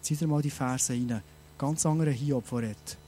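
A man preaching a sermon, animated and speaking straight to his listeners with many rhetorical questions. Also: medium pitch, moderate pace, slight background noise.

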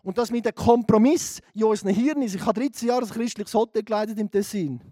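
Swiss German preacher, man, middle-aged, very high voice, fiery delivery that swings from hushed to shouting. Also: quick pace, dry recording, studio quality. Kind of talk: sermon.

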